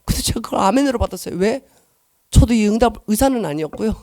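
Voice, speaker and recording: A middle-aged woman giving an emotional church testimony, earnest and shifting between soft and loud. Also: fairly high pitch, expressive, fast talker, no echo, clean studio sound.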